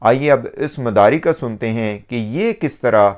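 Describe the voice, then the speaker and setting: A man giving a measured religious commentary, pausing often on fillers. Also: mid-range voice. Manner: measured, with frequent hesitation fillers.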